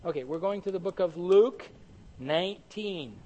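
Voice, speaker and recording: A man preaching a Bible study sermon, animated and conversational, often asking the congregation questions and answering them himself. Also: sits high, moderate pace, slight background noise, low-quality recording. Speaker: pastor teaching Bible study.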